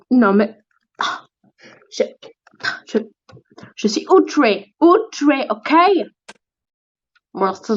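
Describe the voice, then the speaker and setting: A woman's voice: on the high side, lo-fi sound. A woman voicing an ancient, indignant female tortoise in a toy role-play on a livestream. She huffs and demands respect. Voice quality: huffy and pompous, keeps demanding respect.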